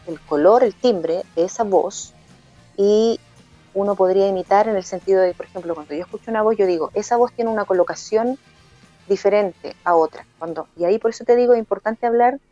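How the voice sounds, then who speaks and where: A woman's voice: medium pitch, mellow. A woman music and singing teacher explaining voice technique on a phone call, in an explanatory manner that stops to sing short demonstration lines. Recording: muffled phone line with faint music.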